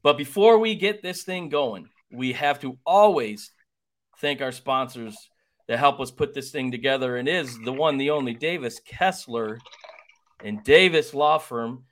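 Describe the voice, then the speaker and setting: A man's voice: medium pitch, measured pace, a bit bright. A man hosting a sports podcast in a folksy, rambling way, with many fillers and restarts. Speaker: podcast host. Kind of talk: casual sports podcast chat.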